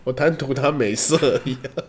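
A young man, co-hosting a podcast in relaxed, teasing casual chat. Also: mid-range voice, moderate pace. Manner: teasing, laid-back, laughs often. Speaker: podcast co-host.

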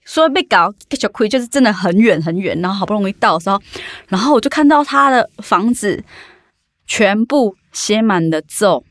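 A woman with a Taiwanese Mandarin accent, telling an animated, vivid story in a casual podcast chat. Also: medium pitch, moderate pace, dry recording, studio quality. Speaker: podcast co-host.

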